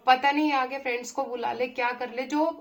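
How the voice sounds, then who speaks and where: A young woman, telling a personal story in a chatty way, with pauses and fillers. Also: high-pitched, fairly even intonation. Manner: chatty, with many pauses and fillers, acting out her own angry replies. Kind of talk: casual storytelling.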